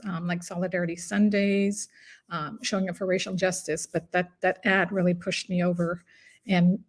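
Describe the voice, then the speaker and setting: A middle-aged woman from Guyana, a guest advocate speaking earnestly and reflectively in conversation. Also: medium pitch. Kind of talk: casual conversation.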